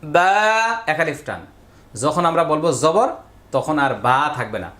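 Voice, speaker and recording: A man teaching beginners to read the Quran, drawing out syllables slowly and then repeating them quickly, asking questions and answering them himself. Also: a little high, lively intonation, fairly bright tone. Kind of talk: step-by-step recitation lesson with call and response.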